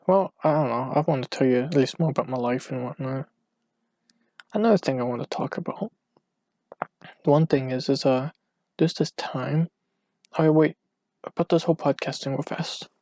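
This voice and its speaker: A man talks through a late-night solo podcast, wandering from thought to thought with constant restarts and fillers. His voice is gravelly and a little breathless. He records at home on a cheap mic, and the sound is close and dry. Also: mid-range voice, normal speed, pauses often, dark tone, dry recording. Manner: meandering, hesitant, full of restarts and fillers. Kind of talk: rambling casual monologue. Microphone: cheap home microphone.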